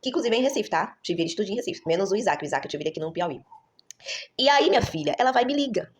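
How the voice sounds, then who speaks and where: A mother in her 30s who vlogs tells a story to her viewers in a rambling, casual style, often correcting herself. Her medium-pitched voice has lively intonation, and she races along. Background noise can be heard.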